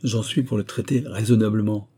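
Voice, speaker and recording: A man's voice: on the low side, steady tone, fairly quick, dark tone, husky. A man voicing an eager, self-important young man in an audiobook, speaking in a pompous tone. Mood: earnest. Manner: eager, pompous, then flustered. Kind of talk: audiobook character reading.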